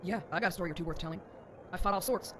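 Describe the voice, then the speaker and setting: An actress playing a thin-skinned, boastful Nord fighter in a video game, with combative, rough folksy speech. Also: female voice, fairly low pitch, very fast, noisy background, lightly acted. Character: brash, thin-skinned strong Nord brawler woman. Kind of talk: video game character dialogue. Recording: sped-up game audio under music.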